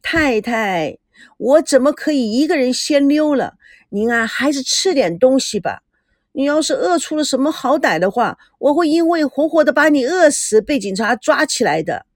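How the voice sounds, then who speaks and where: A woman's voice: high voice, expressive, moderate pace, no echo, clean studio sound. Woman playing a fretful, pleading young maid. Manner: pleading, fussing.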